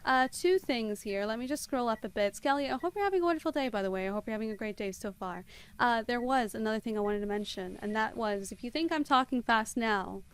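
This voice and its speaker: A woman game streamer talks at breakneck speed through live commentary. Her voice sits high and sounds smooth and clear. She greets viewers by name between moves. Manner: talks extremely fast.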